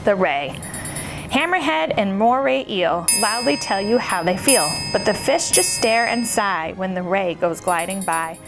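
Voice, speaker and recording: A woman's voice: medium pitch, lively intonation, a little slow, hardly any pauses, over music, poor audio. A woman hosting a children's story time, playful and bubbly like an entertainer for young listeners. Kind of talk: children's story time chat and read-aloud.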